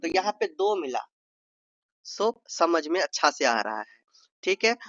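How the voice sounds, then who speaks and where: A man's voice: a little high, sing-song, a little slow, fairly bright tone, no echo, lo-fi sound. Playful man with a Bihari accent. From Bihar, India. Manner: playful, stretches vowels to demonstrate, addresses viewers as brother. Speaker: exam tutor. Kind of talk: informal revision lesson.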